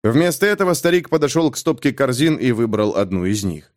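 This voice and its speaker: Guy narrating an audiobook, very animated intonation, mid pitch. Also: a little fast. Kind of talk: scripted narration.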